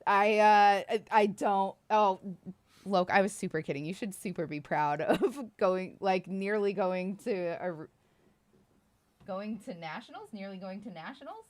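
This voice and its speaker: A woman in her thirties from Iowa, United States chats casually with livestream viewers, rambling, poking fun at herself, and swearing and laughing often. Her medium-pitched voice has a darkish tone and an unhurried pace.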